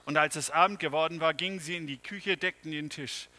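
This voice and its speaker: A male pastor preaching a sermon, slow and dramatic, swinging from loud phrases to hushed near-whispers. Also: fairly high pitch, rough recording.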